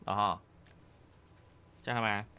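A man's voice: on the low side, steady tone, slow pace, bright, forceful tone, clear, resonant tone. A man teaching Japanese grammar one-on-one, casually checking understanding with tag questions.

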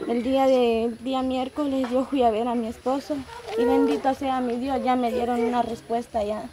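A woman's voice: fairly high pitch, flat delivery, moderate pace, background noise. A young woman, talking earnestly and tearfully outdoors, thanking God and describing her hardship. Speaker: recipient of donation. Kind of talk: emotional outdoor testimony. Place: rural dirt yard outdoors.

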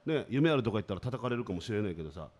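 A man in his forties rambles through a comedy radio monologue, sardonic and self-mocking. His pitch leaps and dips all over as he grumbles and jokes. He talks into a studio microphone. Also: big pitch swings, rapid-fire, darkish tone. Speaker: radio show host.

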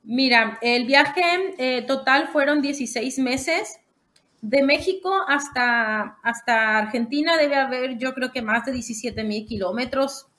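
A woman's voice: sits high, unhurried, bright, forceful tone. A young adult woman with a Mexican accent, a podcast guest explaining her long walk at length with many restarts. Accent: Mexican Spanish. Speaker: guest, long-distance walker. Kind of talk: casual podcast interview.

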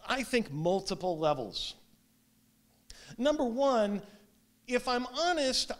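A man in his thirties preaching a sermon as pastor, speaking with wide swings in emphasis and loudness, recorded standing in a small church sanctuary. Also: extremely high pitch. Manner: gestures while preaching standing up. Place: small church sanctuary with stone fireplace, indoors.

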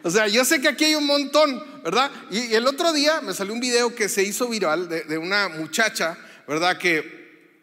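A man's voice: sits high, expressive, moderate pace, bright, forceful tone. A man, a pastor giving a chatty, story-filled sermon with lots of fillers and asides to the audience in a church auditorium. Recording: long hall reverb.

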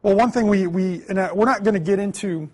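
Earnest husky-voiced man lecturing a class. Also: sits high, fairly quick. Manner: earnest, asks the class questions, swings between loud emphasis and quiet asides. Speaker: Bible class teacher. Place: classroom, indoors.

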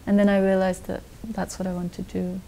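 A young woman from Austria answering interview questions in a relaxed, rambling way, full of likes and restarts, recorded in a dark studio. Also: medium pitch, brisk, gravelly, a little hiss or hum, low-quality recording. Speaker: guest musician. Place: dark television studio set.

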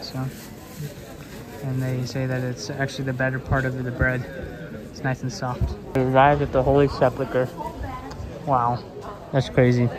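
A man's voice: mid-range voice, completely flat delivery, normal speed, long pauses. A young man narrating a casual travel vlog in a loose, chatty way, with lots of fillers and self-corrections. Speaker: travel vlogger. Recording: busy crowd noise around him.

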